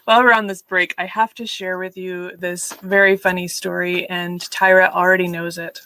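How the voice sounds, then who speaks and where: A woman's voice: on the low side, flat delivery, moderate pace, bright, forceful tone, poor audio. A middle-aged woman hosting a live writing stream, chatting casually, telling stories and laughing often. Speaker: host of live writing sprints. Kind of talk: casual livestream chat.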